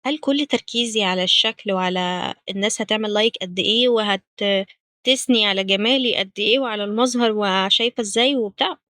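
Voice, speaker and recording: A woman with an Egyptian Arabic accent giving gentle, direct spiritual advice to young women as host of a talk series. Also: mid-range voice, fast talker, no echo. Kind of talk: spoken religious advice series.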